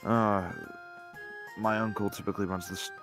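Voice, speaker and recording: A man's voice: lowish voice, little pitch movement, normal speed, fairly bright tone, faint music behind, close to an everyday voice. A man voicing a cagey teenage farm boy selling crops, haggling in a casual, evasive way. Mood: eager.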